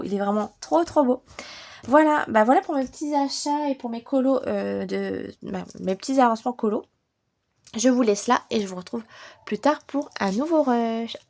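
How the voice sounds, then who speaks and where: A French woman vlogging casually about her coloring books, chatty and enthusiastic, a little hoarse as she recovers from bronchitis. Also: mid-range voice, normal speed, a little mellow. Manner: chatty, enthusiastic, many fillers. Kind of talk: casual vlog chat.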